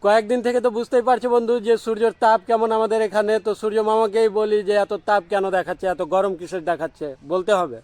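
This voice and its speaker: High, smooth-voiced man with a Malda accent. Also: steady tone, fast, few pauses, darkish tone, no room sound. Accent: Malda Bengali. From Malda, West Bengal. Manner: chatty, calls out to friends and kids. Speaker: vlogger. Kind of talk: casual vlog chat. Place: mango orchard outdoors.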